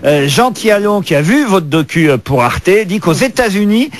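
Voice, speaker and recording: A man's voice: sits high, sing-song, moderate pace. A man hosting a radio panel show, questioning a guest in a playful way. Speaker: radio host.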